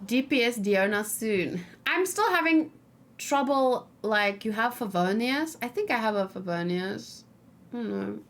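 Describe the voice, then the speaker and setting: Her voice is a little high and animated, and she speaks a little slowly as she streams a game, chatting casually, thinking out loud and frequently muttering to herself. She's the host, and the noisy recording picks up her keyboard and mouse clicks.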